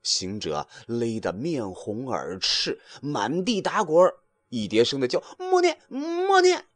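A man telling a classic tale in an expressive, dramatic way. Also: mid-range voice, unhurried, husky, dry recording. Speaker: storyteller. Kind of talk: storybook narration.

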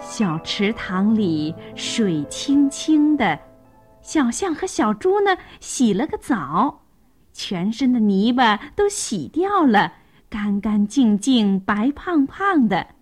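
A woman reading a children's story aloud with expressive, sing-song delivery. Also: fairly high pitch, slow pace, soft background music.

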